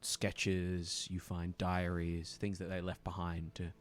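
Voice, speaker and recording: A man narrating scenes as game master of a tabletop game, in a relaxed manner with fillers. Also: deep voice, takes it slowly.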